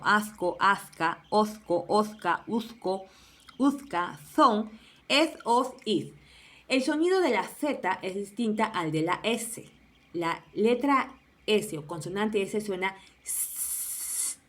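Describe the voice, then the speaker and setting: A woman's voice: medium pitch, a bit bright. A woman teacher giving a spelling lesson, sounding out word endings one by one.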